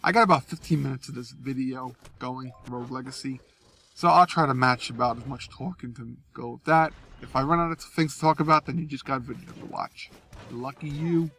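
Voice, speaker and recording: A gaming video host with a cold rambles over gameplay from a car while driving, sounding congested, nasal and gravelly. His medium-pitched voice is brisk, pushed and bright, and his commentary comes off as casual, apologetic and unprepared.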